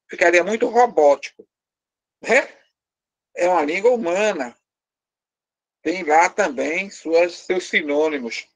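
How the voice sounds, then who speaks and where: Brazilian man teaching a class. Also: sits high. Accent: Brazilian Portuguese. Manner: explains step by step, quizzing students with questions; lightly teasing, joking with the class. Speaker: language teacher. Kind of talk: live class lesson.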